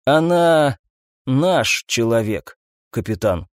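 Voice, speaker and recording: A man's voice: on the high side, very animated, no room sound, studio quality. Man voicing a hesitant male cop. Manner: hesitant, measured. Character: male police officer, hesitant and careful.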